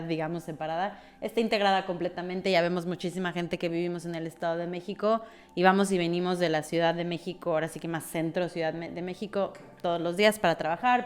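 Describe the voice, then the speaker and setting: A woman with a Mexican Spanish accent, a podcast guest who talks freely and thinks aloud with frequent fillers. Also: fairly low pitch. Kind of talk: conversational interview.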